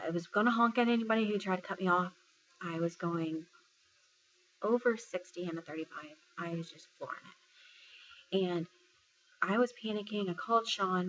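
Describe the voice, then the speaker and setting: Pitched fairly low and a bit bright, a woman from Texas in the military recounts something that happened to her in a casual vlog. She talks conversationally, leans heavily on fillers, and quotes what others told her. The recording is muffled, with a little hiss or hum.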